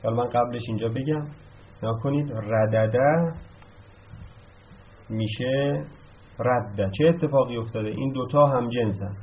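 A man teaching a grammar lesson, explaining step by step and answering his own questions, slowing down to spell out each verb form. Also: medium pitch. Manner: slows down to spell out verb forms. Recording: slightly dull, lo-fi recording.

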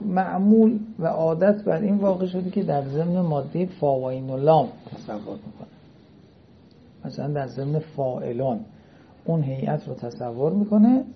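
A man's voice: fairly high pitch, slightly rough. A man teaching a lecture class in a seminary style, often asking whether his students follow. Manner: checks understanding with frequent questions. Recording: dull lo-fi recording.

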